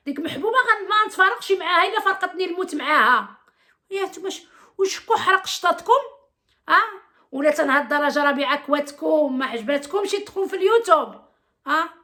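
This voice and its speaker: Moroccan woman vlogger, high and bright voice, indignant rant full of rhetorical questions. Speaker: YouTuber. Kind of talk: angry vlog rant to viewers.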